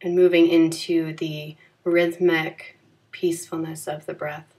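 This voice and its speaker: With a low-pitched voice, a woman leads a guided yoga nidra session, speaking in a soothing, gentle, calm way and never rushing her phrases.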